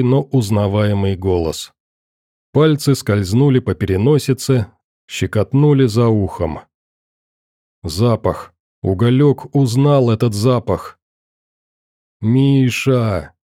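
A man narrating an audiobook in a calm, measured storytelling voice, speaking quoted lines softly. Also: medium pitch, no echo, studio quality.

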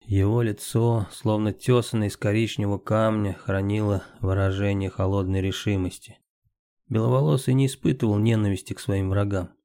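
A man reading a story aloud as an audiobook narrator, steady scripted narration. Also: lowish voice, normal speed, dry recording, studio quality.

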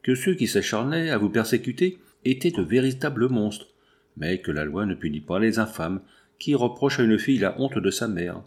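A man's voice: lowish voice, expressive, moderate pace, a little mellow, close to an everyday voice. A man reading as a hunted, desperate mother. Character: hunted, desperate mother, middle-aged woman.

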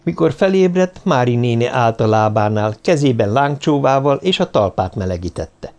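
A man's voice: mid-range voice, animated, a little mellow. Man narrating an audiobook.

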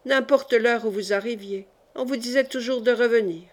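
A woman reading a classic novel aloud in the first person, in a measured and expressive way. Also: a little high. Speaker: audiobook reader.

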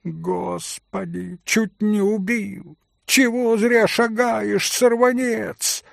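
A man reading an audiobook, voicing a fussy, scolding old female servant in a shrill, raised voice. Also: steady tone, gravelly, dry recording, clean studio sound, exaggerated voice. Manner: shrill, quick to scold then chatty.

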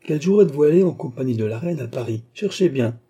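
A man voicing an anxious, agitated king who turns eager and loud in a read-aloud novel. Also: mid-range voice, expressive, fast, slightly rough, voice pushed up. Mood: urgent. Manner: eager, exclaiming, raising his voice.

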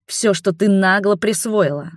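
A woman's voice: medium pitch, measured pace, dry recording, clean studio sound, voice pushed up, close to an everyday voice. A woman voicing a spoiled young princess who is furious and demanding, speaking in a raised, indignant voice. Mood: spiteful. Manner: indignant, shouting.

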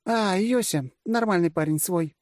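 A man's voice: sits high, normal speed, dry recording, studio quality, voice pushed up, close to an everyday voice. A man reading an audiobook, voicing a blunt, sarcastic older female generalissimo. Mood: lecturing.

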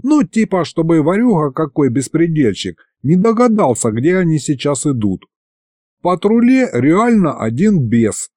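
A man's voice: on the high side, darkish tone, dry recording, clean studio sound, pitched above the performer's own voice. A man voicing a touchy male demon who runs the city police and talks in thuggish street slang.

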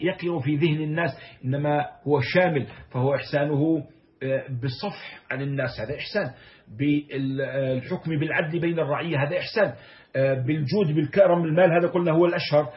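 A man giving a lecture on classical poetry, reciting verses and then explaining them word by word. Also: on the high side. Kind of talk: recorded lecture. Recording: dull lo-fi lecture recording.

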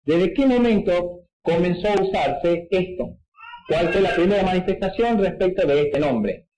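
A man's voice: high-pitched, a little slow, warm tone, reverberant, slight background noise, poor audio. A man giving an explanatory Bible lesson, didactic and often checking in with his listeners. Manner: didactic, frequent checking "¿sí?" asides. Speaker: preacher teaching at a whiteboard.

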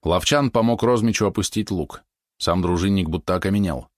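A man reading a historical novel aloud as audiobook narrator, measured and steady. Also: low voice, no room sound, studio quality.

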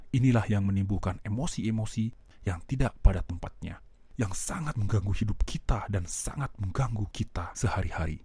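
Male motivational speaker, dark husky voice, dry close sound, direct questions to listeners. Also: fairly low pitch, no echo. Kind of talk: self-help lesson recording.

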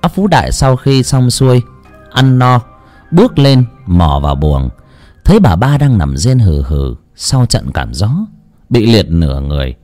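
A man narrating a dark folk story in a dramatic, animated way. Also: on the low side, a little slow, soft background music.

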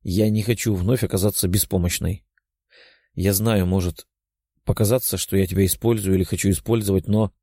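A man voicing a hot-tempered young dragon girl who talks in a sharp, scolding way. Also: deep voice, fairly even intonation, a little fast, dry recording, clean studio sound. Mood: earnest.

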